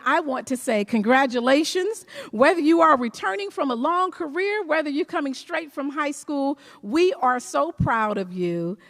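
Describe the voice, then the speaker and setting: A woman superintendent giving a motivational commencement speech on stage, telling stories and repeating key phrases for emphasis. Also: sits high. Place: large performing arts hall, on stage. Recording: long reverb of a large hall.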